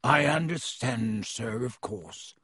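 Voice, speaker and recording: A man voicing an oily, obsequious male shopkeeper of dark objects, with a slightly husky tone. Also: medium pitch, lively intonation, slow pace, no room sound, studio quality, heavily acted. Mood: fawning.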